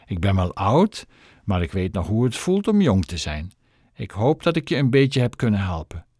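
A man voicing a kind, courteous old gentleman in a storybook, speaking politely and deliberately in an old-fashioned way. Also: lowish voice, big pitch swings, husky, dry recording, studio quality.

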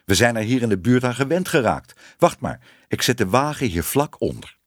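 A man voicing a friendly, helpful milkman in a storybook, brisk and easygoing. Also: medium pitch, very animated, dry recording, studio quality, lightly acted.

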